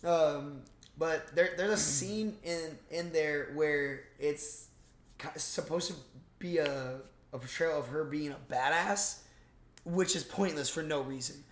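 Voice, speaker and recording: Slow and on the high side, this man's voice rambles profanely through casual chat as co-host of a movie review podcast, recorded in a roomy, echoey space.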